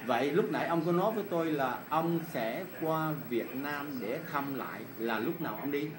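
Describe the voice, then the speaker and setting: Holding a phone at arm's length, a middle-aged man from Vietnam interviews people casually and politely in a noisy indoor pool hall, frequently echoing their answers. His voice is a little high, his pace moderate, and crowd noise can be heard.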